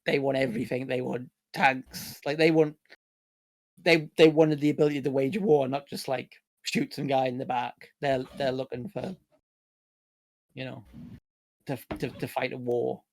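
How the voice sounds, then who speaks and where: A man's voice: mid-range voice, flat delivery, moderate pace. A man playing a tabletop game, talking casually through his character's plans.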